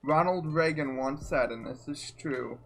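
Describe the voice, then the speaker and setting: A man's voice: on the high side, measured pace, a bit bright. A young man co-hosting a comedy podcast, joking crudely and laughing often over faint background music. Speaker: podcast co-host. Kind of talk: casual comedic chat.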